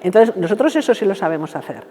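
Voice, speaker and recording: A woman's voice: medium pitch, lively intonation, quick pace, dark tone, big-room sound. A woman, a university researcher answering interview questions in a didactic way and acting out example phrases. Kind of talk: explanatory radio interview answers.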